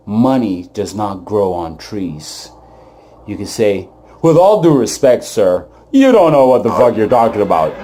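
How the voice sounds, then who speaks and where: A man's voice: medium pitch, mellow, slight background noise. A man doing stand-up comedy, telling stories and talking straight to the audience with casual asides. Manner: conversational, addresses the audience directly with asides.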